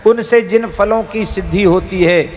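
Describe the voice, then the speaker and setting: A man giving a devotional sermon, with an emphatic rising and falling delivery and slow chanted verses. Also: sits high, slight background noise. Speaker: spiritual preacher. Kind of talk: devotional discourse. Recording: reverberant hall with soft music.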